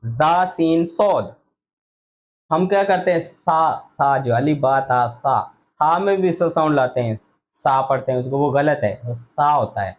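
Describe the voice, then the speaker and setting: A man teaching an online Quran recitation lesson, slowly drilling letter sounds and repeating them for practice. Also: fairly high pitch. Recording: dull lo-fi audio.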